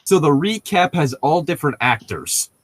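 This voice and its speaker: Slightly high and a little rough, this man's animated voice moves at a moderate pace on a dry recording. Co-hosting a podcast about a book, he jokes around casually, rambling and correcting himself as he goes.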